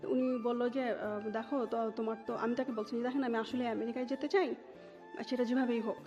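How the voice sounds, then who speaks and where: A woman in her thirties with a Bangladeshi accent tells her life story as an interview guest, speaking Bengali and mixing in English words. Her voice is on the high side, steady and fairly quick. The lo-fi audio sounds dull, with music playing behind her.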